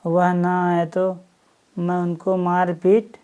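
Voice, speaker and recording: A woman's voice: lowish voice, monotone, slow, dark tone. A woman voicing a hurt, brooding young village man musing to himself in a storybook reading.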